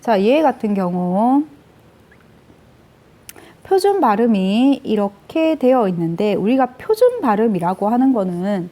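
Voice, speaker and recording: A woman teacher talks through grammar rules one step at a time in a lecture. She often asks a question and answers it herself. Her voice sits a little high but sounds soft and mellow.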